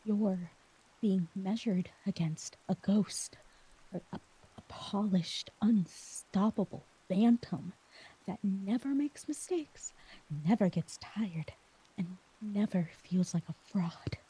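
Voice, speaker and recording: In another ASMR roleplay monologue, the performer plays a worn-out, anxious woman weighed down by what others expect of her, sounding weary and vulnerable. Her medium-pitched, slightly rough voice comes out soft, slow and halting, frequently near a whisper. The recording is low quality.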